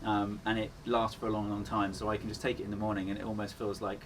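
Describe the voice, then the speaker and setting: Low-voiced man over clear background noise. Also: completely flat delivery, fast talker. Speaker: endurance runner, interview guest. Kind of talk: casual interview chat. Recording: clearly noisy ambient background.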